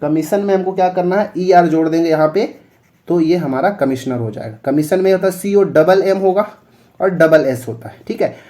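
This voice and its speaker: A man's voice: high voice, moderate pace, dark tone. A male teacher explaining English spellings for exam preparation, spelling words out letter by letter and checking in often.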